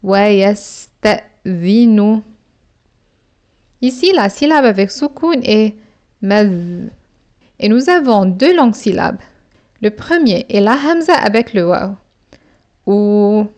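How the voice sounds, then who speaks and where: A woman teaching a reading lesson, sounding out each syllable slowly and deliberately before explaining the rule. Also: mid-range voice, animated, a little mellow.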